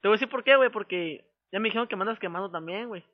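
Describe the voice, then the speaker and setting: Heard on a telephone call with very muffled audio and a little hiss or hum, this man has a northern Mexican accent and a notably high voice. He rattles off thick street slang at speed, pushy and threatening as a prank caller who keeps returning to the same phrases.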